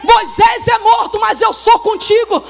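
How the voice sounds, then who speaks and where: A woman pastor preaching a fervent sermon, exhorting her congregation and often shouting. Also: extremely high pitch, measured pace, creaky, soft background music. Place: church service.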